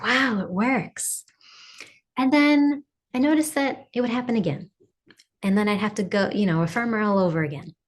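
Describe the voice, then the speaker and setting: A woman's voice: mid-range voice, a little mellow. A woman talking casually and confessionally, telling a personal story in a chatty way and often quoting her own thoughts. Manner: chatty, frequent "like", quotes own thoughts and affirmations.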